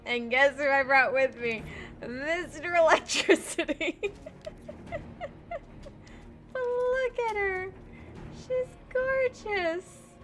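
A woman's voice: very high voice, drawn-out words, pauses often, fairly bright tone, faint music behind. A woman streaming a video game, giggling often and exclaiming at what happens on screen. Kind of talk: casual gameplay commentary.

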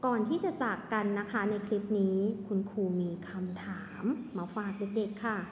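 A woman teaching young children in an online lesson, speaking in a gentle, sing-song way. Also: medium pitch, moderate pace, slight background noise. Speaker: kindergarten teacher. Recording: echoey room with long reverb, faint ambience.

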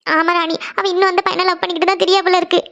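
Someone doing a worried, squeaky cartoon mother. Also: flat delivery, vocal fry, bright, forceful tone, muffled recording, heavily acted. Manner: slow, anxious, sorrowful talk. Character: worried tearful mother, a woman's elder sister. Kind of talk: Tamil cartoon series dialogue.

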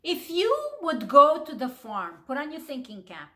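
Lively, bright woman reading to kids. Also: sits high, moderate pace. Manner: animated, asks the children questions. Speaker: children's teacher. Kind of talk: reading a story aloud to children.

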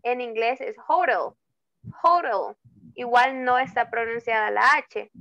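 A woman's voice: on the high side, fairly even intonation, creaky, fairly bright tone, dry recording, highs cut off. A woman tutor teaching English grammar over an online class, drawing out example words and often checking with "¿ok?". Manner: slow, drawn-out example words, frequent checking "¿ok?". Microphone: video call.

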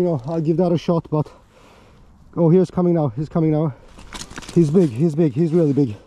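Excited man, breathless, outdoors on the ice, high voice, bright and forceful tone. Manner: excitable, breathless, talks to viewers as guys. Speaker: fishing vlogger. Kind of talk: excited live commentary while ice fishing. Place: outdoors on a frozen lake.

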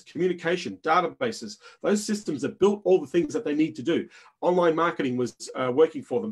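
A man with a Minnesota accent presenting a business webinar, talking fast in punchy lists and tagging lines with "right?". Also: on the high side, husky.

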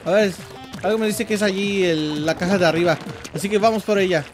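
A man with a Mexican accent hosting let's play commentary, joking and teasing himself with playful shouts. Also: high-pitched, a little fast. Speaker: gaming channel host. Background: game music.

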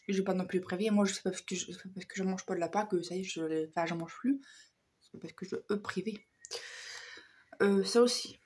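A woman vlogger chats casually through a shopping haul in a hoarse, medium-pitched voice, sounding hesitant and using plenty of fillers.

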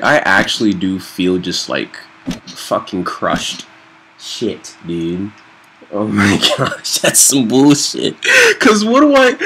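A young man doing casual, profane game commentary with slangy frat-bro talk, excitable and whiny when he is losing. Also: medium pitch, slight background noise. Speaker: gamer doing a playthrough of a fighting game. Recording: loud game music behind. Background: loud game music.

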